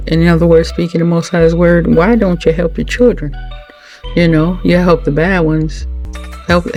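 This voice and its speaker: A woman speaking earnestly to her supporters, religious and heartfelt, often halting and restarting her sentences. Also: on the low side, a little mellow. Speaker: channel host, wife of the late channel owner. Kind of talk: heartfelt thank-you talk to supporters.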